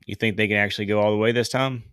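A man's voice: fairly low pitch, fairly even intonation, very fast, fairly bright tone, smooth, dry recording, studio quality. A man co-hosting a podcast, chatting casually and bluntly, swearing freely. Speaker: podcast co-host.

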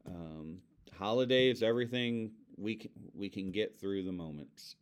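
A man with a lowish, smooth and resonant voice talks through loss in an earnest, reflective conversation. He speaks gently, as a father sharing what grief has taught him. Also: measured pace. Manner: earnest, reflective, speaks softly of his son. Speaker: podcast co-host, bereaved father.

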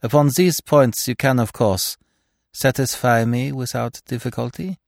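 A man's voice: mid-range voice, measured pace, vocal fry, no echo, studio quality, voice pushed up. A man voicing a careful, courteous painter. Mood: polite, wary. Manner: formal and courteous. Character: cautious older male painter, polite and careful.

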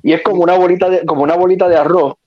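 A Puerto Rican man with a slightly high voice, bantering playfully about pronunciation. The recording sounds dull and lo-fi. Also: steady tone, racing. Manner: playful, riffs on word pronunciations. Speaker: podcast co-host. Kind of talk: casual banter.

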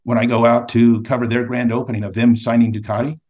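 A man's voice: medium pitch, little pitch movement, quick pace, dull audio. Man telling anecdotes as an interview guest. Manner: anecdotal storyteller. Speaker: magazine editor, guest. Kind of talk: casual interview.

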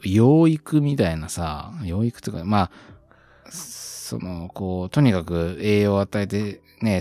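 A man's voice: sits low, darkish tone. A man co-hosting a podcast, chatting casually and thinking aloud with lots of fillers. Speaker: podcast co-host. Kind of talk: casual chat.

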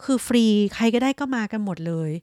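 A woman co-hosting a podcast, telling a travel story in lively, casual chat. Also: on the high side, no room sound, clean studio sound. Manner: lively storytelling, quick and animated. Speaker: podcast co-host.

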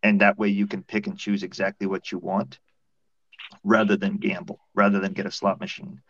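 A man's voice: deep voice, level tone, moderate pace, fairly bright tone. A man on a video call in a casual podcast debate, explaining his points step by step. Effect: heard over a video call. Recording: dull, dry video call audio.

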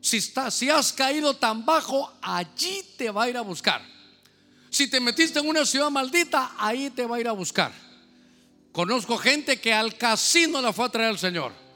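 Emphatic preacher in an echoing church. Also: male voice, extremely high pitch, lively intonation, moderate pace, sharp tone. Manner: emphatic, repeats phrases, asks listeners questions. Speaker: pastor. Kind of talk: sermon. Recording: echoey hall, faint music.

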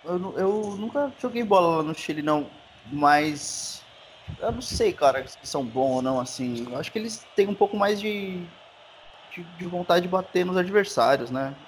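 A man's voice: high voice, animated, moderate pace, slight background noise. A man with a Brazilian accent, a guest on a casual podcast, telling a story in a rambling way and tripping over his words. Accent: Brazilian Portuguese.

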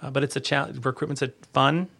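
A man giving a conversational podcast interview as an agency leader, earnest and halting, often rephrasing as he goes. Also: medium pitch, flat delivery, creaky, sharp tone.

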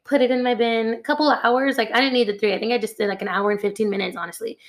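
A young woman chatting as a guest in an interview, telling a lively story, says "like" often and acts out what others said. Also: fairly high pitch, racing. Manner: animated, acts out quoted voices. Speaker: guest, costume pattern maker.

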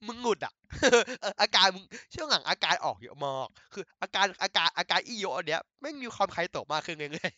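A man excitedly retelling an anime episode in casual chat, laughing often and using crude slang. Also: sits high, a little fast, few pauses, dry recording, dull audio. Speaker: anime recap host.

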